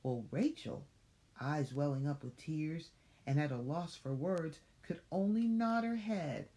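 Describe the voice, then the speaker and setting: A woman's voice: deep voice, unhurried, warm tone. A woman reading a children's story aloud as if to a toddler, dramatic, with questioning asides to the young listener.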